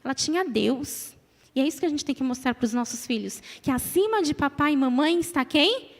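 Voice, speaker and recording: A woman's voice: sits high, animated, fairly quick. A Brazilian woman in her thirties preaching an emphatic church sermon, repeating phrases and calling on the congregation to answer. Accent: Brazilian Portuguese. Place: church hall. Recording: reverberant church hall.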